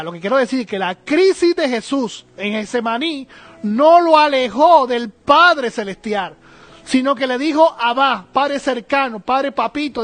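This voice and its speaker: A man with a high voice teaches the Bible in an earnest, searching way. He pauses often on fillers and checks in with his listeners, while faint music plays underneath. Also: fairly bright tone. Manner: earnest, with frequent hesitant fillers and repeated "right?".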